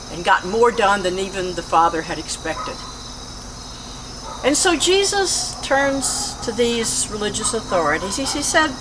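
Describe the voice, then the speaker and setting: A woman hosting a church reflection, retelling a Bible story with expressive storytelling. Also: on the high side, background noise. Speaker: church host.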